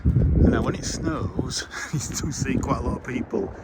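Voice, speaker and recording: A man's voice: mid-range voice, a little slow. A man chatting casually while walking through parkland, thinking aloud with fillers, recorded on a camera mic. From England. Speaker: walking vlogger. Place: outdoors in open parkland. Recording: loud wind noise on outdoor mic. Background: wind.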